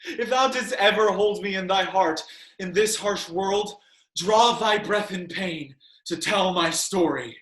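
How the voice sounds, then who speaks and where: An actor playing an anguished, vengeful young dying prince in a declamatory Shakespearean style. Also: male voice, high-pitched, unhurried, roomy sound. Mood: dying, sorrowful. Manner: declamatory, swinging from shouts to hushed lines. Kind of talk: Shakespearean stage acting.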